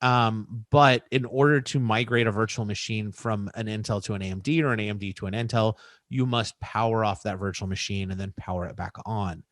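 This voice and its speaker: A man's voice: fairly low pitch, steady tone, a little fast, a bit bright, no echo. A man answering technical questions in a casual, chatty way, with frequent fillers. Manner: chatty, uses many fillers.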